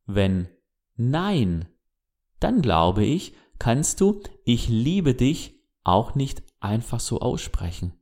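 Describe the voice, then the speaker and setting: A man giving a reflective motivational monologue as a self-help speaker, who speaks to the listener directly with gentle questions. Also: mid-range voice, big pitch swings, extremely slow.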